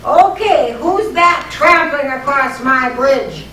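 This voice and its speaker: A menacing storybook troll with an ugly, scary voice, put on by a woman reading aloud. The voice sits high and the reading goes slowly. It is heard from a distance in a roomy space with a faint hum behind it. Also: expressive, sharp tone, heavily acted. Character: mean ugly-voiced bridge troll, male. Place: school classroom.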